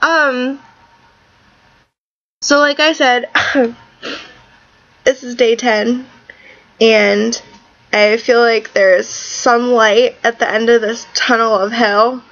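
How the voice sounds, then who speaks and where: A woman speaks slowly in a fairly high voice, recovering from tonsil surgery with a sore throat. She is blunt and exasperated, chatting casually as in a personal video diary. The sound is a little dull and lo-fi. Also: fairly bright tone. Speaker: vlogger.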